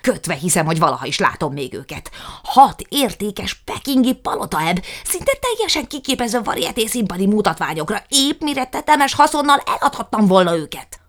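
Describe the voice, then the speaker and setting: A blustering middle-aged schemer bellows his grievances in a raised, lively voice, as a woman reading the story puts him on. His talk swings widely in pitch and carries a gravelly edge. It sounds like a storybook character read aloud. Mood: indignant. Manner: loud, theatrical ranting.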